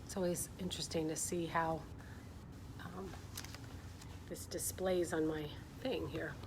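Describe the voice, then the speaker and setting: On a relaxed story-time livestream for kids, a middle-aged woman chats and reads a picture book aloud. Her deep voice is a little slow, with fairly even intonation, and clear background noise comes through the live stream.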